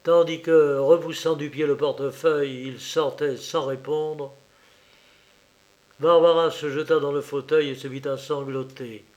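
A man narrates an audiobook in a fairly high voice. His delivery is slow and measured. Now and then he hesitates slightly. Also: fairly even intonation, a little mellow. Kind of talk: audiobook reading.

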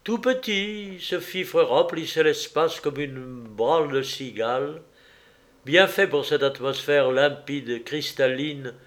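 Slow, expressive male audiobook narrator. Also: fairly high pitch. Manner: expressive, theatrical reading.

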